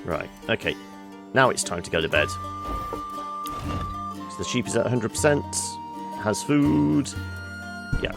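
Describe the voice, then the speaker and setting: A man's voice: medium pitch, sing-song, a little slow, creaky, long pauses. A man giving casual let's play commentary, often muttering questions to himself as he goes. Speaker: gaming video host. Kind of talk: casual let's play commentary, reading game dialogue aloud. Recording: music behind the voice.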